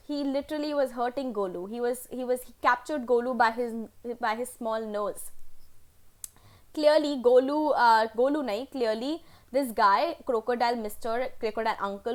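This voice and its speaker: A woman teacher from India retelling a story in an online class, chatty and animated with fillers. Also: on the high side.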